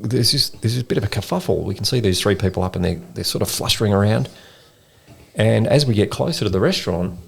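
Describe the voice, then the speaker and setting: A man with an Australian accent telling a long story in a rambling, animated way, full of slang, as a podcast co-host. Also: on the low side, creaky. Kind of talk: casual storytelling chat. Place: in-person podcast recording.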